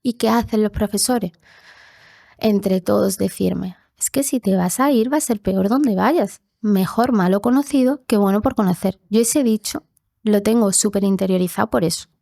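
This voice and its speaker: A woman's voice: mid-range voice, moderate pace, vocal fry, dark tone, no echo, studio quality. A young woman telling her own story in a podcast interview, earnest, sometimes acting out the voices of people her childhood. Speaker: interview guest. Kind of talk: personal testimony in a podcast interview. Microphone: podcast studio mic.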